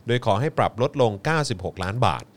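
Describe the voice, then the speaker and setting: A man's voice: mid-range voice, expressive, fast. A man co-hosting a talk show, reading out figures and commenting on the news in a colloquial, jokey way with polite particles.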